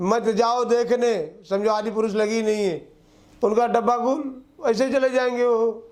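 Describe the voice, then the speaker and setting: A man talks movies in an easy, earthy chat. His voice sits high, and he speaks bluntly and forcefully, with crude slang thrown in. A faint hiss lies under the recording. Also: steady tone, measured pace. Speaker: co-host of a film review chat. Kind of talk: casual chat.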